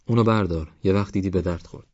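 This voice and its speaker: Guy doing a protective old granny from a village, fussy and caring, somewhat raised low voice, audiobook. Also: no echo, dull audio. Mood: tender. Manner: warm, fussing, cautioning.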